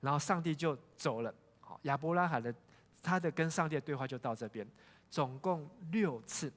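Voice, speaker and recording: A man's voice: a little high, moderate pace. A male pastor preaching a sermon, telling a Bible story and asking the congregation questions. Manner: storytelling, asks the congregation questions, frequent "hao" fillers. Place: church sanctuary. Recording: long church hall reverb.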